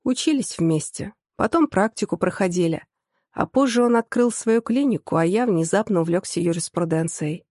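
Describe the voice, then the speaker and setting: A woman reader giving voice to a composed young man who meets every outburst with dry, good-natured calm. The tone is mellow and unhurried, set a touch lower than a woman's usual speech. It is an audiobook character voice recorded close and dry. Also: no room sound, close to an everyday voice. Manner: unruffled, dry and good-humoured. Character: calm, teasing young man, the heroine's fiancé.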